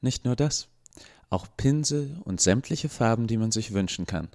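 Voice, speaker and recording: A man voices a brusque, sarcastic woman professor who speaks in a clipped, commanding way. He pushes his voice up from a medium pitch, close to an everyday voice, sounding expressive and darkish at a normal speed.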